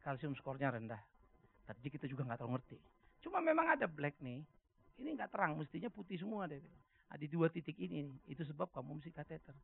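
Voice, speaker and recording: Pastor, male, older, high gravelly voice, lively sermon delivery, tinny lo-fi sound. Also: fast talker. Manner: animated preaching, swings from soft musing to shouting.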